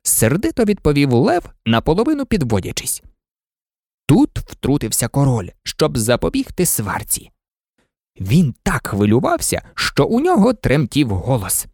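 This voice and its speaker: A man reading a storybook aloud with animated, swooping expression. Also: fairly high pitch, unhurried, dry recording, clean studio sound. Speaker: storybook reader.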